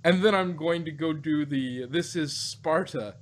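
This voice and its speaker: In an unhurried, fairly high-pitched voice, a man who hosts a podcast reviews an audio drama. His talk is casual and jokey, rambling through anecdotes along the way.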